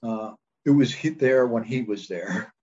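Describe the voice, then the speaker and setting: A man with a husky voice presents and fields questions, pausing often and laughing softly. The recording sounds dull and lo-fi. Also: medium pitch. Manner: hesitant, frequent soft laughs. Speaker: presenter of a nomination.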